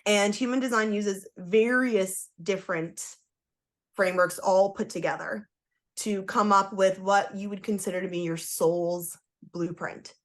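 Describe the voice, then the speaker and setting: In an unhurried, medium-pitched voice, a woman guesting on a podcast opens up about her story, candid and emphatic with many "like"s. She works as a human design coach and comes from Toronto, Canada, having been born in Trinidad and Tobago.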